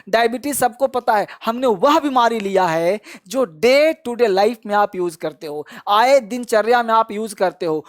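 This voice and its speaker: A male teacher giving a spoken vocabulary lesson. He drills each word with frequent repetition, asks listeners to repeat after him, and praises them often. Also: very high-pitched.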